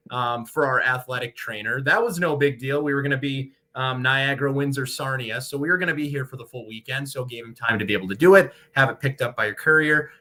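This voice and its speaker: Here a radio play-by-play sportscaster from Michigan, in the United States, sits as an interview guest and talks casually for a long stretch. His mid-range voice carries a sharp tone.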